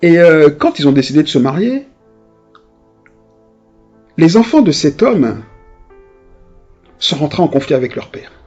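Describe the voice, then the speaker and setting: A male pastor gives a chatty, animated sermon, full of hesitations and restarts. His slightly high, husky voice rises and falls widely as he acts out characters from his examples. The recording is dull and lo-fi, with faint music underneath. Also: unhurried, pauses often. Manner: conversational, with many hesitations and restarts; animated, acting out voices of people in his stories.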